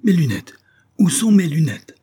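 A man reading an audiobook, voicing a tiny, bald, irritable old professor who shouts his demands. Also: a little high, big pitch swings, normal speed, breathy edge, no echo, studio quality, pitched above the performer's own voice. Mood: irritated.

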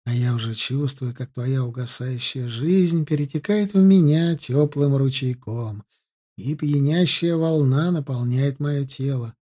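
A cruel, gloating gentleman who savors every slow word, voiced by a man with a mellow, husky timbre. The delivery is soft, sinister and unhurried, as in a dark audiobook. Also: medium pitch, lightly acted. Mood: gloating, ecstatic. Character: cruel, gloating man relishing a young woman's death. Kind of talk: audiobook character reading.

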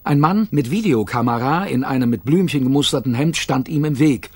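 A man reading a children's audiobook aloud in a playful, expressive storytelling manner. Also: medium pitch, a little fast, breathy edge, dry recording. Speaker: audiobook narrator.

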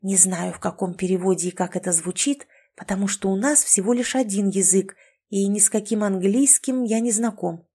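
A woman with a warm, husky, medium-pitched voice reads, at a moderate pace, an audiobook's lines for a touchy young man trapped in a kitten's body, staying close to her own voice. She sounds grumpy and condescending.

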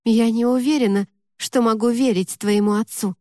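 A woman's voice: on the high side, steady tone, normal speed, mellow, dry recording, clean studio sound, natural voice. A woman voicing a guarded, impulsive teenage girl in an audiobook, speaking warily and hesitantly. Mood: wary. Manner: wary, hesitant speech.

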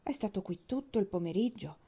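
A woman narrating an audiobook in an expressive storytelling manner. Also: mid-range voice, a little fast, breathy edge. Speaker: audiobook reader. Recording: dull lo-fi recording.

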